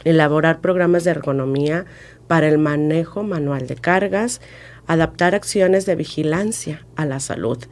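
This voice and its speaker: Female guest consultant, low voice, methodical step-by-step explanations. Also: normal speed, darkish tone. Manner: methodical, lists steps. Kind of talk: explanatory podcast talk.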